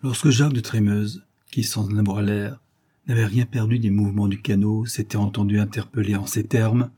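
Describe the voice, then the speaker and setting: Low, husky man reading a novel aloud. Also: fairly even intonation, dark tone. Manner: measured, theatrical storytelling. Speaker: audiobook narrator. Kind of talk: scripted narration.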